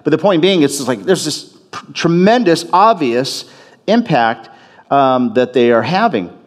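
A man's voice: a little high, animated, unhurried. A man preaching a sermon as a pastor in a church, talking conversationally, often restarting and repeating phrases for emphasis.

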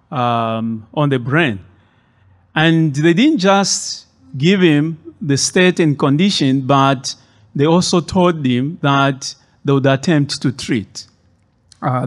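Guest preacher, man from Zambia, middle-aged, slow deliberate delivery full of pauses and fillers, mid-pitched. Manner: measured, hesitant with many fillers. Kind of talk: sermon. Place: church.

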